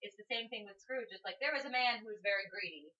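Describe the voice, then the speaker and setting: Bright-voiced woman, a little off-mic. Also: medium pitch, fast, distant mic. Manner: chatty, retells the plot with asides. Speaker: podcast co-host. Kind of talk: casual book discussion. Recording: dull audio, slightly off-mic.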